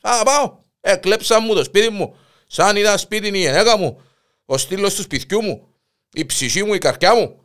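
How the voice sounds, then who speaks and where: A man's voice: fairly high pitch, expressive, long pauses, clear, resonant tone, close to an everyday voice. A man voicing a sly middle-aged husband with a Cypriot accent, insistent and pleading. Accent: Cypriot Greek.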